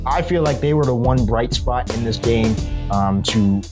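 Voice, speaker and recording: A man's voice: mid-range voice, moderate pace, music in the background. A man hosting a solo sports recap, giving blunt, critical commentary. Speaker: sports video host.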